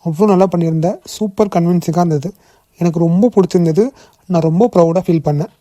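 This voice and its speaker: A woman voicing a kind young male boss in a cartoon, gently coaxing and reassuring. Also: on the low side, quick pace, no room sound, studio quality, lightly acted. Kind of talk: cartoon voice acting.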